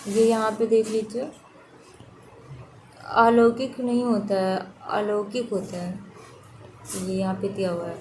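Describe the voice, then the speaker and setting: A woman's voice: mid-range voice, flat delivery, normal speed, mellow, slight background noise, low-quality recording. A woman teaching an online exam-prep lesson, steadily repeating which spellings are correct and which are wrong.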